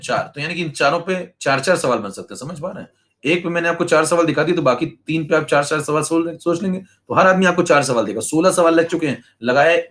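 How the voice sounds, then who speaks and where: A young male chemistry teacher giving an online class lecture, brisk and teasing, now and then mimicking slow students. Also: fairly high pitch, fairly bright tone. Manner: brisk, teasing, acts out lazy students in asides.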